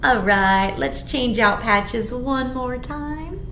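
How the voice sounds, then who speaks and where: A middle-aged woman reads a children's picture book aloud over music, her voice on the high side and slow. She's animated and expressive, asking the young listeners simple questions, in an echoey small indoor room with background hiss.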